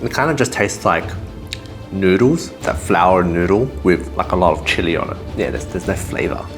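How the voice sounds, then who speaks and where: A man's voice: sits low, expressive, moderate pace, fairly bright tone. A man chatting casually as he eats, his mouth burning from spicy food. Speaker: vlogger doing a spicy food challenge. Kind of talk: casual chat while eating. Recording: music playing behind the voice.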